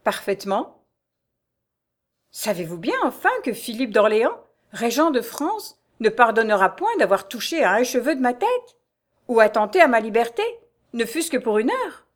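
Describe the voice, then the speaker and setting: A woman's voice: a little high, sing-song, moderate pace. A woman voicing a young noblewoman under arrest, pleading and distraught. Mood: indignant.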